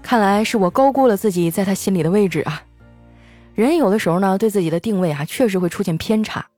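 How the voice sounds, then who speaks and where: A woman's voice: mid-range voice, quick pace, no room sound. Woman, comedy host, scripted comic monologue, faint music behind. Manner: animated storytelling, acting out quoted lines in raised voices.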